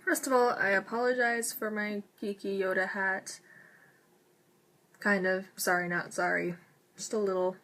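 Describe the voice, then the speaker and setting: Woman vlogger w braces, casual rambly chat, medium pitch, keeps cutting herself off. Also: fairly even intonation, a little slow, long pauses, a bit bright. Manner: talking with braces; rambling, chatty, self-interrupting.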